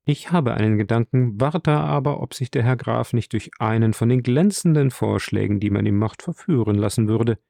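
A man's voice: medium pitch, normal speed, gravelly, hardly any pauses, dark tone, dry recording, clean studio sound, lightly acted. A man reading the part of a sincere, earnest young officer in a plain way in an audiobook.

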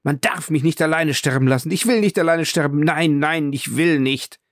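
A man's voice: medium pitch, flat delivery, fairly quick, gravelly, husky, no echo, studio quality. A man voicing a desperate condemned man who pleads and cries out frantically in an audiobook reading. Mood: frantic, desperate.

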